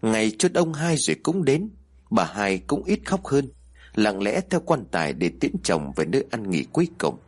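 A man narrating a horror story in an expressive, dramatic storytelling manner. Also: fairly low pitch, normal speed, husky.

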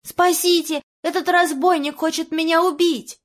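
A woman's voice: sits high, a little slow, voice pushed up. A woman voicing a frightened poor orphan boy who pleads with trembling fear. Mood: screaming for help.

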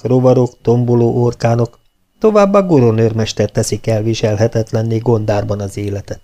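Warm-voiced man narrating an audiobook. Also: mid-range voice. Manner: expressive, lively storytelling. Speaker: audiobook reader.

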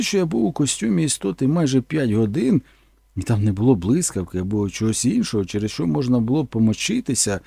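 A man narrates a first-person audiobook in a plain, earnest way. His voice is gravelly and husky with a dark tone, and his lively delivery sits in a dry, close recording. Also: medium pitch, dry recording.

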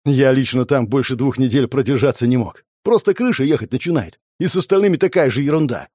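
A man voicing a panicking, furious male enforcer who shouts and curses. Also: medium pitch, expressive, fast, no echo, clean studio sound, lightly acted. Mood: bitter. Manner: shouting, cursing, frantic.

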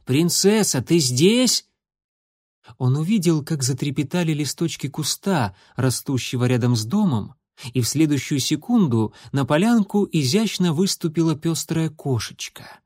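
A man narrating a children's animal adventure in a steady, measured reading. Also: a little high, husky, dry recording, studio quality. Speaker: audiobook narrator. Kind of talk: scripted storybook narration.

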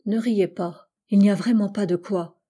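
A woman reading a hushed, anguished young woman. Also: steady tone, moderate pace, husky, lightly acted. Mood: pleading. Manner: low, pleading, stifled.

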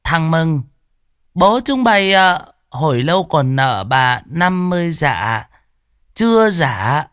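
A man's voice: a little high, big pitch swings, a bit bright, clean tone, no room sound, studio quality, pitched above the performer's own voice, exaggerated voice. A man voicing a greedy, abusive old landlady who screeches and scolds. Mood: shrill scolding. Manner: screeching, scolding, drawn-out fillers.

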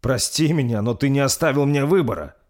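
A man voices a young prince, pleading anxiously in a raised voice pitched above his own. The performance is lightly acted, at medium pitch with lively intonation and a moderate pace.

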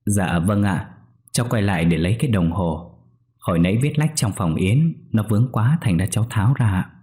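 A man's voice: on the low side, a little fast, mellow, close to an everyday voice. A man voicing a polite, deferential young man, shaken and mourning. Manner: humble and deferential.

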